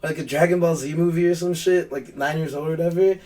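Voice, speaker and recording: A podcast co-host with a higher-pitched male voice, set a little back from the mic. He tells stories with lots of energy, cursing freely and laughing along. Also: fast, far from the mic. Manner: animated storyteller, swears freely, laughs often. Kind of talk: casual chat.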